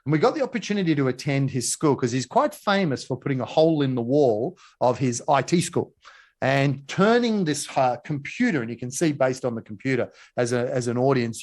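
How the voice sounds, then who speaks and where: A man gives a motivational talk on leadership. He tells his story with energy and acts out the voices of the people in it. His voice sits at an ordinary mid pitch. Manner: animated storyteller acting out quotes. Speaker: speaker at a leadership session.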